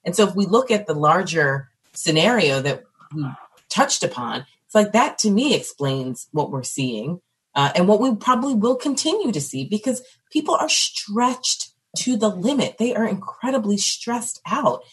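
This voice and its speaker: An emphatic woman panelist talks with sardonic energy. Her voice swoops up and down in a lively way and has a husky edge. She sounds like a teacher driving a point home in casual talk. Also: mid-range voice, moderate pace. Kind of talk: casual political discussion.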